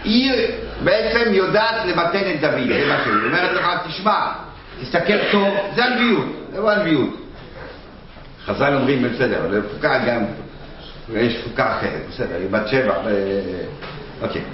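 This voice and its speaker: A man teaching a Bible lesson to a class, talking haltingly with many restarts and fillers. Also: on the high side, expressive, heavy reverb, lo-fi sound, background noise. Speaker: Torah teacher.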